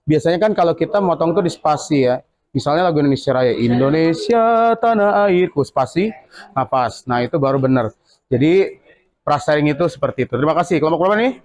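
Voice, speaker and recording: A male school teacher in a classroom, quizzing his students with quick questions and then explaining the answers. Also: fairly high pitch, a little mellow.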